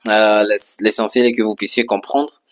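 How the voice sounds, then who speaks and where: A man teaching English in French at a board, repeating and spelling out each word patiently, often pausing with hesitations. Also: fairly low pitch, flat delivery, a bit bright. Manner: slow, patient, repeats words and spells them out; frequent hesitations with "euh". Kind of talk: French-language English lesson at a whiteboard.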